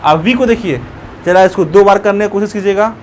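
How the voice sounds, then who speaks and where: A man teaching an English grammar lesson, explaining step by step and repeating words slowly, syllable by syllable. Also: sits high, a little mellow, a little hiss or hum.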